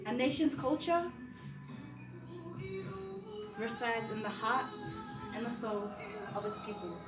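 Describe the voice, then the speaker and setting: A teenage girl from Samoa delivering a prepared formal speech at the front of a classroom, measured and earnest, with rhetorical repetition. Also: fairly high pitch, expressive, loud music behind the voice. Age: teens. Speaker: student speaker. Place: large classroom, standing at front. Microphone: far camera. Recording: echoey classroom from far off.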